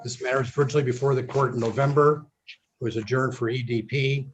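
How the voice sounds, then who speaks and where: A man's voice: mid-range voice, fairly even intonation, fast talker, faint music behind. A man speaking as an attorney over a video call in a virtual court hearing, firm and matter-of-fact. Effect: heard over a video call. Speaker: attorney for the plaintiff. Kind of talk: formal legal argument in a virtual court hearing. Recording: dull lo-fi video call audio with faint noise.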